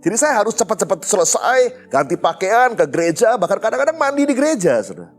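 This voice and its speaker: A man's voice: high-pitched, sing-song, fast, soft background music. A male pastor, telling a personal story in a conversational sermon and often turning to address his listeners.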